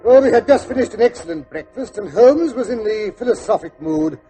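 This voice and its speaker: Mellow, genial old Doctor Watson. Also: male voice, high-pitched, expressive, brisk, soft background music, poor audio. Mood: reminiscing. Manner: avuncular, hesitant, chuckling raconteur. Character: genial chatty older English doctor reminiscing as storyteller. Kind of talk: 1940s radio acting. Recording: old 1940s radio recording.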